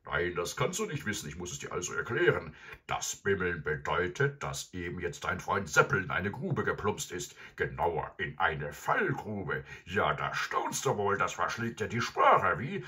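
A man voicing a blustering, gruff male robber who talks loudly and mockingly in a storybook reading. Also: big pitch swings, moderate pace, full character voice. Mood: booming, mocking. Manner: booming, taunting.

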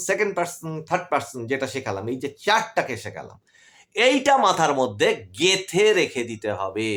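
A man with a Bengali accent gives an online grammar class. His voice sits high for a man and swings widely up and down. He keeps asking questions and answering them himself, with a brisk teacher's drive. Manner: lively, rises and drops sharply in pitch, asks questions then answers them.

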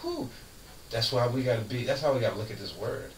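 Laughing frequently, this middle-aged man hosts a casual faith talk on the radio, folksy and preachy with plenty of emphasis. He speaks briskly and expressively at medium pitch, caught by a distant mic in a roomy studio with faint hiss.

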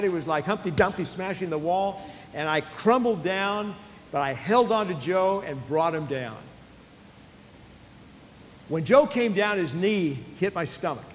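A man with a slightly high voice speaks earnestly to athletes and weaves personal stories into a faith-based talk. He often restarts his phrases and leans on small fillers. The recording carries a long hall reverb and a faint low rumble underneath.

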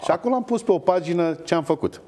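A middle-aged man, an opera singer, telling stories with hesitations in a TV interview. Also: a little high. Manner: animated anecdotes with hesitations. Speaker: guest, opera bass-baritone. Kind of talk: storytelling in a TV interview.

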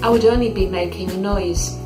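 A woman's voice: mid-range voice, fairly quick, echoey room, over loud music, rough recording. A woman reading a Bible passage carefully, recorded on a home webcam. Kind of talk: reading scripture.

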